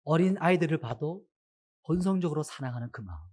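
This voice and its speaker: A man's voice: on the high side, fast talker. A man preaching a sermon to his congregation, asking them many questions. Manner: asks the congregation many questions, animated rise and fall.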